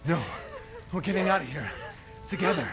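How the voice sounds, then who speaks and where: A man's voice: fairly high pitch, lively intonation, moderate pace, music in the background, close to an everyday voice. A man playing an earnest, protective survivor in a horror game, urgent and reassuring. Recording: noisy game audio under stream.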